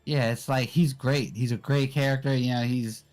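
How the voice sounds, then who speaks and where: A young man guesting on a casual anime discussion, explaining in a relaxed way with lots of fillers. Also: medium pitch, moderate pace, faint music behind. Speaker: guest co-host.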